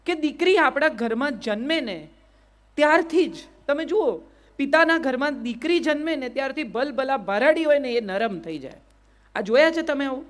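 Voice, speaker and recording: A middle-aged woman with a Gujarati accent giving a lively motivational speech, often putting questions straight to her audience. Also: a little high. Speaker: public speaker.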